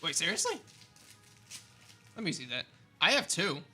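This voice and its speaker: A man co-hosting a podcast in easygoing casual chat, agreeable and quick to laugh along. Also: fairly high pitch, wildly swooping pitch, bright, forceful tone, husky, soft background music. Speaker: podcast co-host.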